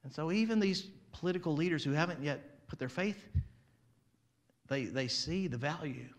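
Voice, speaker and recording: A man preaching an animated sermon as pastor, swinging from loud to quiet and acting out crowd voices. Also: fairly high pitch, normal speed.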